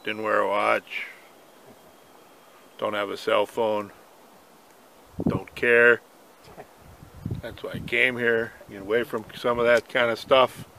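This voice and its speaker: A man's voice: fairly low pitch, little pitch movement, slow pace, creaky, pauses often, pushed and bright. An older man chatting in a rambling, folksy way while filming a fishing trip on a lake. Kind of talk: casual outdoor vlog. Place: outdoors on a boat on a lake. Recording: noisy outdoor camera audio, wind and water.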